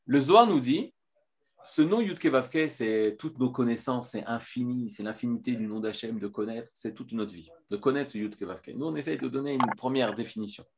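A man teaching a filmed Torah lesson, lively, with many restarts and fillers. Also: medium pitch, a little fast, slight background noise.

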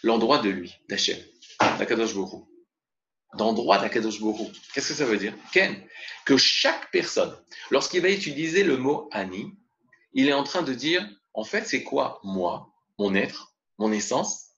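A man teaching a spoken religious lesson in a gravelly, mid-pitched voice, expressive as he explains and mixes Hebrew terms into the talk. The recording sounds dull and lo-fi. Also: a little slow. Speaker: Torah teacher.

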